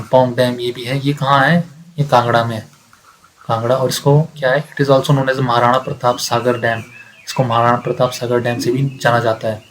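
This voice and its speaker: A man's voice: mid-range voice, slight background noise, rough recording. A man teaching exam facts in a lecture, asking himself questions and answering them, repeating key points. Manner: repeats facts, asks and answers himself, mixes English readings. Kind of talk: explanatory lecture.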